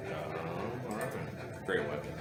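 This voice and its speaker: A man's voice: low voice, animated, slow pace. A man playing a tabletop game, chatting in an easygoing way. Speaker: player. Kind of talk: casual game chat. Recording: echoey and distant, music behind.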